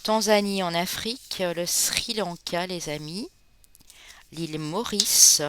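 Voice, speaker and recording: The tone is clean, medium in pitch and a little bright. A Spanish Basque tarot reader talks casually to viewers, chatty throughout, often ending sentences with "hein" and calling them her friends.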